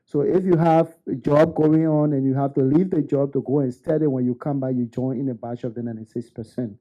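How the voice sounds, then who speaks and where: A man's voice: medium pitch, steady tone, brisk, dull audio. A man giving an earnest, unscripted graduation testimonial with frequent stammering restarts. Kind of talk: unscripted ceremony speech.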